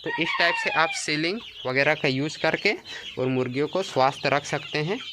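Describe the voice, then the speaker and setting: A man's voice: on the high side, wildly swooping pitch, moderate pace, background noise. A male poultry farmer giving an informal tour of his farm shed with casual advice, often checking in with listeners. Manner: casual, repeats "है ना" and "देखिए". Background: chickens clucking.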